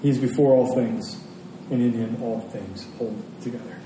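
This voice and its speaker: Delivering a sermon to his congregation, this man speaks at normal speed with a medium-pitched, steady tone, pressing his points emphatically and repeating phrases for effect. It was captured on a distant mic in a very echoey hall, with faint background noise.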